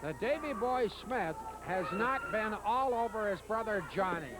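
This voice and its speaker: A fairly high-voiced man calls a wrestling match and tosses off dry one-liners. Loud noise sits behind him on a 1989 TV broadcast. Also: lively intonation, moderate pace. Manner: dry, wry quips. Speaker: wrestling show host. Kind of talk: TV wrestling commentary.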